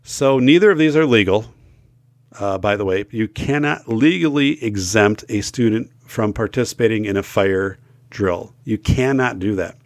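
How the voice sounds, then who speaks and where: A middle-aged man hosting a school safety talk show speaks casually to camera while losing his voice and feeling unwell, emphatic and full of fillers and restarts. His voice is on the low side at normal speed, in a dry, clean studio recording.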